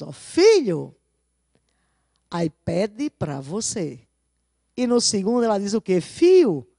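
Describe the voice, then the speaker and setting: Female teacher, slightly high and very animated, didactic, poses rhetorical questions, dry close sound. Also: dry recording. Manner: keeps asking her class rhetorical questions; didactic, stresses key words slowly. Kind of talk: video lesson going over exam answers.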